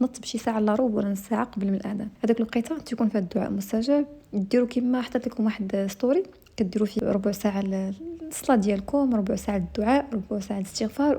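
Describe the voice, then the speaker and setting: Fast-talking Moroccan woman vlogger. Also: on the high side, warm tone, breathy edge. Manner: chatty, advising viewers directly. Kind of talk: casual chat.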